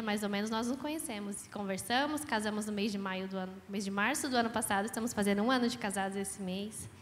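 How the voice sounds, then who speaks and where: Brazilian woman introducing herself in church. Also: mid-range voice. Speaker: missionary's wife. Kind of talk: personal introduction to a congregation. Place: church hall. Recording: echoey church hall, faint noise.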